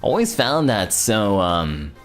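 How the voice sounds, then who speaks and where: Lively laughing man chatting on stream. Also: fairly low pitch, slow, soft background music. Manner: excitable, laughing, stammering restarts. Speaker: birthday streamer. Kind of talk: casual stream chat.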